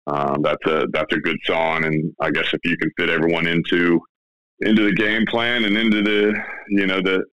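Deep, bright-toned man. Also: flat delivery, normal speed, no echo, poor audio. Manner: hesitant, many fillers and restarts. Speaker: basketball pundit guest. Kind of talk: casual sports chat.

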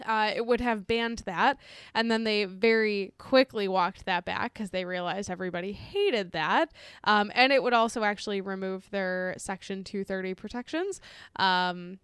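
Smooth-voiced woman podcast co-host. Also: mid-range voice, moderate pace, a bit bright, no room sound, studio quality. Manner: laughs often, swears casually. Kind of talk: casual podcast chat.

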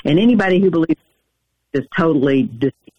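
A man's voice: on the high side, animated, brisk, slightly rough. A man running for the U.S. Senate, heard over the phone in an interview and making his case in an urgent, emphatic way. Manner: urgent, emphatic campaign talk. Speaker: U.S. Senate candidate. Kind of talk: political interview. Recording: dull, lo-fi phone line.

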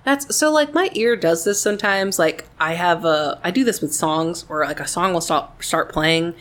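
Low-voiced chatty woman podcaster. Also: moderate pace, fairly bright tone. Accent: Southern US. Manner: chatty, laughs often, swears casually. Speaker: podcast co-host. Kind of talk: casual chat.

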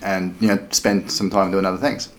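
A deep-voiced Australian man talking on a casual podcast. He speaks hesitantly, with plenty of pauses and fillers. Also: flat delivery. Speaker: podcast co-host, teacher and blogger. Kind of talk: casual chat.

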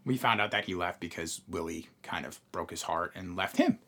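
A man's voice: deep voice, normal speed, a bit bright. A man co-hosting a podcast, explaining at length in casual chat and swearing now and then. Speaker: podcast co-host.

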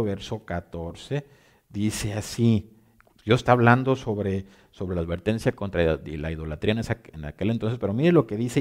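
A man preaching a sermon, talking directly to his listeners and swinging from soft, close asides to loud emphasis. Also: low voice. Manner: informal, addresses listeners directly.

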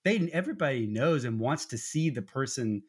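A man's voice: animated, normal speed, slightly rough. A man in his forties telling a personal story in an earnest, conversational way, talking about his faith. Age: 40s. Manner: earnest storytelling, acts out quotes with raised pitch. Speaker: podcast co-host. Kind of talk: faith-based conversational talk.

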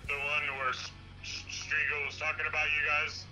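A man calling in over a phone on speakerphone, chatting casually and excitably. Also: on the high side, moderate pace, music in the background, poor audio. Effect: heard over a phone on speakerphone. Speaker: phone caller. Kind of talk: casual chat.

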